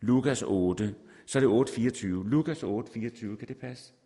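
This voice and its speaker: A man's voice: mid-range voice, dark tone. A man preaching a sermon, repeating words for emphasis and reading scripture aloud. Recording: long reverb in a large hall.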